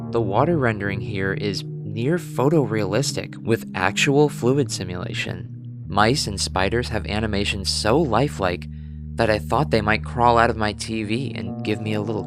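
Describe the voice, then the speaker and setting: A man with a fairly low voice reads a scripted game video essay. He keeps a deadpan, mock-serious tone, treating everything with dramatic gravity. Music plays clearly underneath. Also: normal speed.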